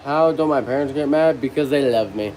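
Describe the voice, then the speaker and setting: A man's voice: mid-range voice, brisk, darkish tone, a little hiss or hum. A young adult man chatting loosely to viewers on a live stream, rambling and breaking into bits of rap and singing. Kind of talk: casual live-stream chat.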